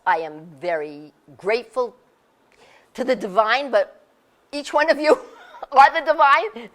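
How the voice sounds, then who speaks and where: A woman in her sixties telling her story in a casual, animated way, laughing often and acting out what people said. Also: fairly high pitch. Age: 60s. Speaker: speaker sharing her experience. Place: community center hall.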